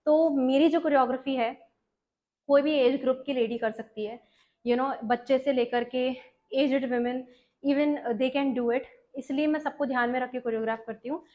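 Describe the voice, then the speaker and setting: High-voiced Indian dance teacher counting beats. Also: female voice, steady tone, lo-fi sound. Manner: mixes Hindi and English, counts beats aloud, talks fast when explaining. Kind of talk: dance tutorial, counting steps and singing lyrics.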